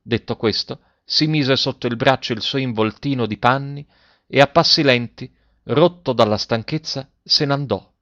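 A man narrating a classic story aloud in a measured, expressive reading. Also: medium pitch, no room sound. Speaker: audiobook narrator. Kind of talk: scripted narration. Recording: dry, dull lo-fi recording.

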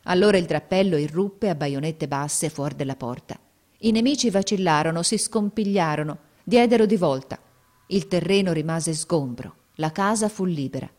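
A woman reads a story aloud with measured, expressive pacing. Her voice sits fairly low for a woman, steady and composed through the narration. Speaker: audiobook narrator. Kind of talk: scripted narration.

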